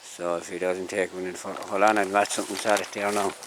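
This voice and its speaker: Low-pitched Irish man, noisy outdoor recording. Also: level tone, a little fast. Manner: folksy, rambling, addressing viewers. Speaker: fishing vlogger. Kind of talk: casual outdoor vlog chat. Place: outdoors along a river. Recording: outdoor ambient noise, riverside. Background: clear outdoor ambience.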